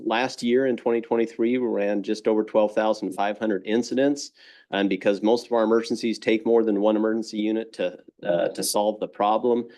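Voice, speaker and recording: A middle-aged man, a fire chief, giving a brisk, plain-spoken presentation full of figures to a city council. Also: lowish voice, a little mellow. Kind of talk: public presentation. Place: council chamber.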